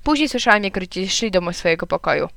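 Kobieta czytająca bajkę dla dzieci. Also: female voice, mid-range voice, animated, fast talker, creaky, fairly bright tone, dry recording. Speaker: audiobook reader. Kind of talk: children's audiobook narration, told as a young boy.

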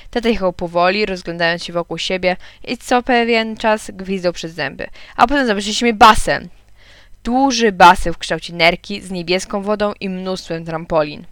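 A woman reading a children's storybook aloud in a lively way, narrating as a small boy. Her voice is smooth and resonant, and the recording is dry and close, with no room sound. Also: medium pitch, normal speed, no room sound. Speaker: audiobook reader. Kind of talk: children's audiobook narration, told as a young boy.

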